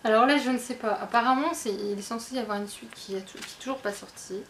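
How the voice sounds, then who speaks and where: A woman's voice: fairly high pitch, fast, fairly bright tone, slight background noise. A woman talking casually about her books to her viewers, chatty and self-mocking with lots of fillers and restarts. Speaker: book vlogger. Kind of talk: casual chat.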